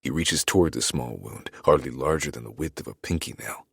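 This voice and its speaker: A man narrating an audiobook in the first person, his voice extremely deep and gravelly with a husky edge. He reads in a brooding, measured way. The recording is close and dry. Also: fairly bright tone, no room sound.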